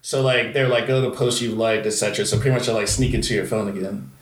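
A man's voice: fairly low pitch, steady tone, fast talker. A man co-hosting a podcast in casual chat, rambling, laughing and quoting people as he talks. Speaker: podcast co-host. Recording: echoey room with faint noise.

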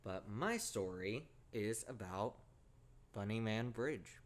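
Low-voiced casual man in his twenties. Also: animated, slow pace. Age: 20s. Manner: rambling, swears casually, self-deprecating. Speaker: podcast co-host. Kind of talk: casual chat.

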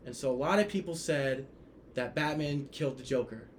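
A man's voice: medium pitch, normal speed, slight background noise. A man who is a podcast guest, chatting casually and telling stories with lots of swearing. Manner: animated storyteller, swears freely. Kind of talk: casual chat.

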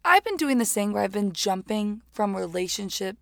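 Creaky-voiced woman co-host inside a closet. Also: mid-range voice, sing-song, moderate pace, fairly bright tone, dry recording, clean studio sound. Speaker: podcast co-host. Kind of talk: casual, bantering chat. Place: walk-in closet in a small apartment.

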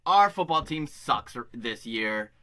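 A man in easy podcast chat, his voice bright and forward, at a middling pitch. He rambles through stories with a self-deprecating streak. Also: very animated, measured pace. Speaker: podcast co-host. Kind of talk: casual chat.

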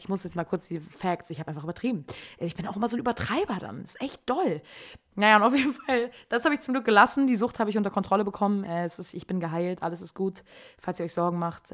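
Young woman podcaster, chatty slangy delivery, middle pitch. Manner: chatty, slangy and animated, drifts into soft voice. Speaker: podcast host. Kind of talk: casual chat.

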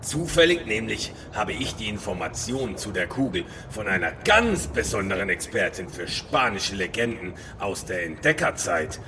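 An actor playing a vain, menacing ghost pirate captain with a pompous, theatrical manner in an audio drama. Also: male voice, lowish voice, expressive, moderate pace, hardly any pauses, noisy background. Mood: smug, mocking. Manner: pompous, theatrical, easily offended.

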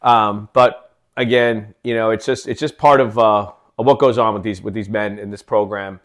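A man's voice: fairly low pitch, fairly even intonation, moderate pace. A man hosting his own podcast in a casual solo talk, rambling with many fillers and restarts. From living in Kansas City. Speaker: podcast host.

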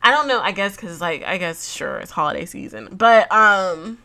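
A woman's voice: mid-range voice, expressive, moderate pace, sharp tone. A woman in her late twenties, congested, chatting casually to her viewers with frequent laughs and fillers. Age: 20s. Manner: chatty and giggly, lots of fillers. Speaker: vlogger. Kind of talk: casual chat to camera.

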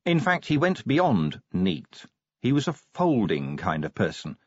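A man narrates a novel with a wry, expressive delivery, his lowish voice husky and full of lively pitch movement. The recording is dry and slightly dull. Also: unhurried, no room sound. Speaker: audiobook narrator. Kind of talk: scripted narration.

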